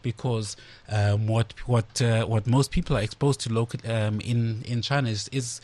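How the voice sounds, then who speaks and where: A man with a South African accent giving measured, hesitant answers as an interview guest. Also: medium pitch, steady tone, a little mellow. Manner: hesitant, measured, searching for words.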